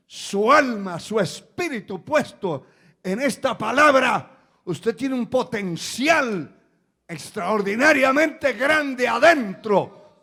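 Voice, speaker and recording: High-voiced pastor preaching slowly, shouting. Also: male voice, creaky. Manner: moves from quiet, low talk to shouted exhortation. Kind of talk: sermon.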